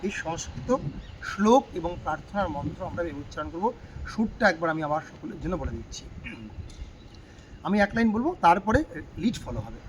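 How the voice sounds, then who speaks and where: A man teaching a chant, singing lines slowly and breaking words into syllables with repetition, then explaining pronunciation in quick, soft asides. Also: on the high side, lively intonation, slight background noise. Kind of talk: recitation lesson, chanting and explaining.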